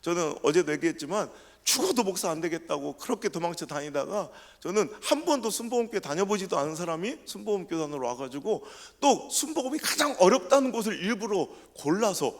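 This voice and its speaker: Animated pastor with a Chungcheong Korean accent. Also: male voice, high-pitched. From South Korea. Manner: animated, humorous storytelling with mimicked dialect. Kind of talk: revival sermon with personal testimony. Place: church sanctuary. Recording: reverberant church sanctuary.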